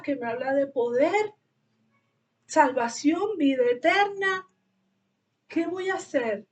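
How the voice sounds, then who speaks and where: A middle-aged woman shares a personal religious testimony in a high voice. She speaks slowly and earnestly, with heartfelt rhetorical questions. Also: darkish tone.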